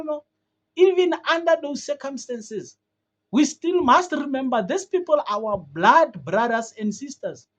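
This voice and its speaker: A commentator from South Africa with a South African accent, giving an earnest, halting opinion on a vlog with many fillers and restarts. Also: high voice.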